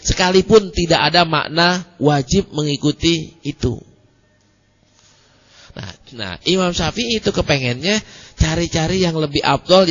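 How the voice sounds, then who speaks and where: In a muffled recording from an echoing hall, a man leads an informal religious study lecture. He meanders and hesitates often, speaking in a fairly bright voice that's a little high.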